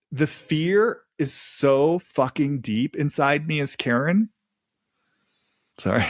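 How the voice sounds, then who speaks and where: A man hosting a podcast, talking through a reflective solo monologue in a halting, slow way with many restarts. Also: mid-range voice, vocal fry. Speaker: podcast host.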